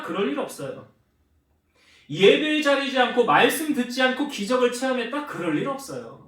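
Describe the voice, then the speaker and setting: Lively, high-voiced preaching man. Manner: asks the congregation questions and answers them himself; acts out quoted speech with shifts in pitch and loudness. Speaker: pastor. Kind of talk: sermon. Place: church sanctuary. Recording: roomy church hall with the mic some distance away.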